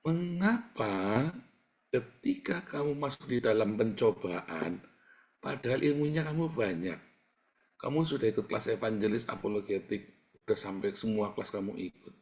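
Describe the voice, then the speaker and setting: A middle-aged man preaching a sermon in with a lilt, telling a personal story. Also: moderate pace. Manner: animated storytelling, big swings in pitch and loudness.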